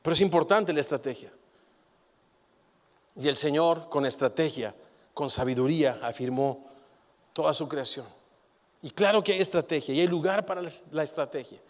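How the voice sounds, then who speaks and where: A man delivering a sermon in a fairly high voice, shifting between forceful emphatic peaks and soft reflective lines. His words ring out with a long hall reverb behind them. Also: normal speed, pauses often. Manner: animated preaching, rising and falling in intensity. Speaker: pastor.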